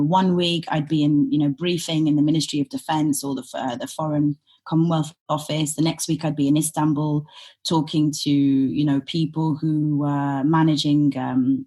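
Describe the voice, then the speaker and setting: A woman in her thirties with a low, slightly husky voice. She is a podcast guest, raised in Britain with roots in Sudan. She recounts her experiences in a thoughtful, reflective interview manner. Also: darkish tone. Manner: reflective, thoughtful, with frequent fillers. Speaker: podcast guest, humanitarian consultant. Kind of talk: conversational interview storytelling.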